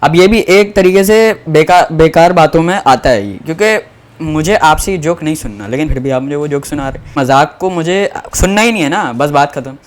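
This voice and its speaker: A man's voice: fairly high pitch, animated, moderate pace. Rambling young man. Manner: rambling, self-mocking, many restarts. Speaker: comedian. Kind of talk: comic storytelling monologue.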